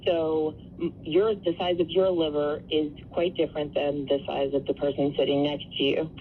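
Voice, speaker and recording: A woman speaking as an interview guest on the radio, explaining things earnestly and conversationally. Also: sits low. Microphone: telephone. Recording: tinny phone line with faint noise.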